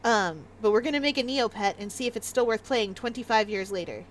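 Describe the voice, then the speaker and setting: Slight background noise accompanies a fairly quick, somewhat high female voice. She's a Canadian game streamer, lightly Maritime-accented, who giggles and chats casually during her livestream.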